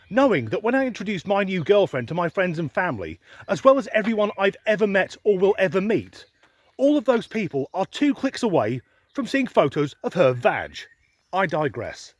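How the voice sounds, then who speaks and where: Grumbling into a handheld camera pointed at himself, a man from England delivers a sardonic vlog monologue full of dry, sweary humor. His voice is high, and the recording has no room sound.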